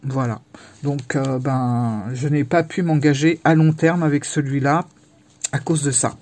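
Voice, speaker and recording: A woman vlogger chatting casually to the camera about her tarot decks, in a halting, self-interrupting way with frequent pauses. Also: extremely low pitch, steady tone, a little mellow.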